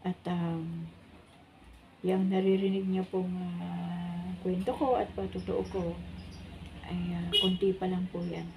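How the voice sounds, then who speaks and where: A woman in her sixties giving a heartfelt faith testimony to her viewers, speaking earnestly and politely with frequent pauses and fillers. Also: fairly low pitch, flat delivery, creaky, background noise. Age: 60s. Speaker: vlogger sharing testimony.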